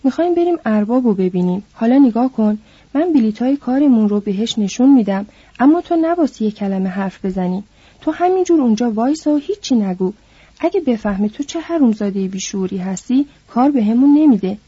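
Brief: woman voicing an impatient scolding worker man, very dark husky tone, dull lo-fi sound. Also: fairly high pitch, animated, dry recording. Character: small sharp-tempered itinerant worker man, protective. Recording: dull lo-fi recording.

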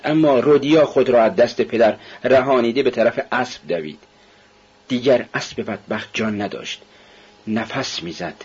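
A man's voice: medium pitch, darkish tone, slightly rough. A man narrating a novel as an audiobook, telling it steadily and evenly. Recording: dull, muffled recording.

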